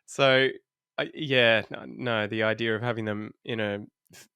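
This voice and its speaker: An Australian English teacher in his thirties chats casually as a podcast guest, telling stories in a relaxed way and laughing often. His voice is lowish with vocal fry, clean in tone, and he speaks at a measured pace. There is no echo.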